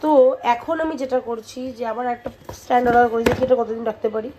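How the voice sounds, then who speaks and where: Chatty woman vlogging fast. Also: on the high side. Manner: chatty and rambling, keeps saying "anyway". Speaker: family vlogger, mother of twins. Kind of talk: casual vlog narration. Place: at home, indoors. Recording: noisy home ambience.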